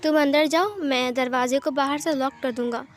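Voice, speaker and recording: A woman voicing a calm, protective young man who speaks gently and reassuringly. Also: sits high, normal speed, faint music behind, close to an everyday voice. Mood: gentle.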